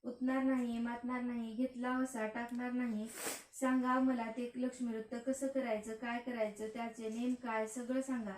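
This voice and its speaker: A woman's voice: on the high side, little pitch movement, moderate pace, darkish tone, slight background noise, close to an everyday voice. A woman voicing a humble young princess who pleads respectfully. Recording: echoey room, voice from far off.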